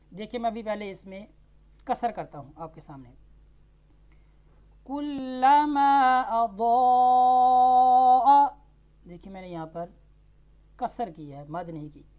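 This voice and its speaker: A woman teaching tajweed who spells out letters and vowel marks, then recites each word slowly and drawn out. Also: fairly low pitch, mellow, lo-fi sound. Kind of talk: tajweed lesson.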